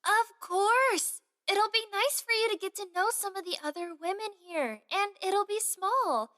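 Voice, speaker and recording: This fantasy audio drama features an actress as a gossipy young palace woman, confiding and insistent. Her high voice is expressive and exaggerated, her manner chatty, excitable and theatrical, and her pace measured.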